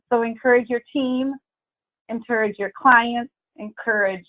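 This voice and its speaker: A woman hosts a team call and urges everyone to join in, earnest and frank in an upbeat way. Her voice comes through a thin, tinny phone line. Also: fairly high pitch. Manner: earnest, blunt, upbeat urging. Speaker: team leader hosting a meeting call. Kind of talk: encouraging team talk.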